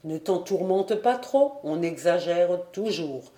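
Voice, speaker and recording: A woman's voice: on the low side, animated, dark tone, echoey room. A woman voicing a breezy, proud middle-aged painter father in a storybook reading. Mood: consoling. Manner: light, brisk, then cold and clipped.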